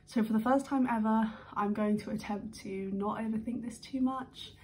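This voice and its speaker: A young woman from the UK in a sit-down vlog, talking in a nervous, rambling way with quick bursts and restarts. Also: fairly high pitch, fairly even intonation, a little mellow. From United Kingdom. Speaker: vlogger.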